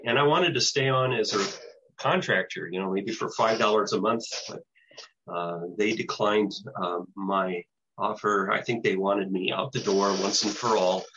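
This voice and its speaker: An American man of about seventy, a shortwave broadcaster, gives an informal, halting, explanatory presentation over a video call from a small home room lined with bookshelves. His voice is husky, lowish and a bit bright, and the call audio is dull and lo-fi.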